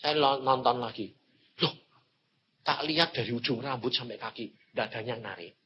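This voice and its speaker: A male evangelist preaching a sermon, telling a humorous personal story and jumping between shouts and low asides. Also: moderate pace. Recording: dull lo-fi sound, faint background noise.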